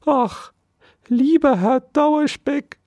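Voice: sits high, extremely slow, dark tone, no room sound, pitched above the performer's own voice. Mariechen, a wailing little field mouse. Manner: wailing, pleading and self-pitying. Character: poor whining female field mouse.

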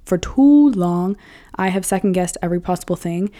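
Her voice is on the low side, animated and mellow, at a moderate pace. She's a vlogger in her early twenties speaking casually and bluntly to viewers, with plenty of profanity and lots of "like."

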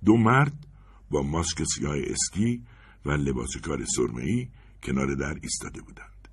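A man narrating a short story as an audiobook, with expressive storytelling. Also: very deep voice, slightly rough.

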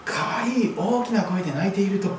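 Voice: medium pitch, brisk, noisy background. Pastor preaching in an echoey hall. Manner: vivid storytelling, dramatizes scripture scenes. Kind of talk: sermon. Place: church hall. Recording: very echoey hall, voice far from mic.

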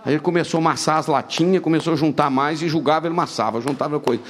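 Male preacher, fairly high-pitched, shifts between loud exhortation and hushed storytelling. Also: very fast. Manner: reads verses aloud and comments, calls congregation "irmão". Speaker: pastor. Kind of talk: sermon.

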